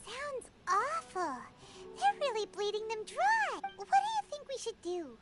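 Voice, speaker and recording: A woman voicing a small, childlike fairy companion in a video game, squeaky, eager, outspoken and inquisitive. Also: big pitch swings, unhurried, heavily acted. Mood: concerned, eager. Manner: exclaiming, inquisitive. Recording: game music behind the voice.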